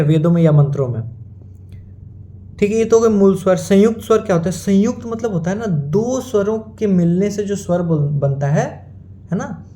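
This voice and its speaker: A man gives a teaching lecture. His voice sits high, with a warm, mellow tone. He keeps asking his listeners questions and then answers them himself. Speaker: Sanskrit teacher. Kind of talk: classroom-style lecture.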